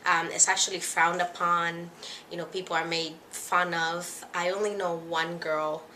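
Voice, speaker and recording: A young woman from the Dominican Republic talks to camera in a casual first vlog, pausing often with fillers and sounding a little nervous. Her voice sits a bit low yet has a bright, forward edge. Faint background noise is heard behind her. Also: level tone. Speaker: vlogger.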